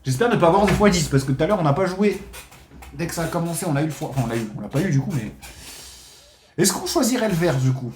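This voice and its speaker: A man with a fairly high voice calls out his casino bets live, excitable and given to swearing. He talks straight to his viewers as his friends, and his voice rings a little in an echoey room. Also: quick pace, slight background noise. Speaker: casino streamer. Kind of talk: live gambling commentary.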